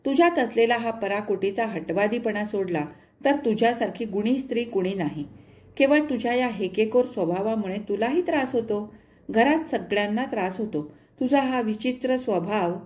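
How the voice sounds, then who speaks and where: A woman's voice: fairly high pitch, moderate pace, darkish tone, roomy sound, lightly acted. Woman doing a stern young husband. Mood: soothing. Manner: stern, cutting rebukes.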